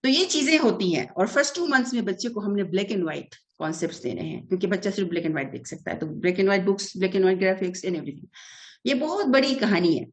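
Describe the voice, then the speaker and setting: Middle-aged woman, child development expert, earnest, mid-pitched, interview answers. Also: animated, a little fast. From Pakistan. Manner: earnest, mixes many English terms, frequent hesitations.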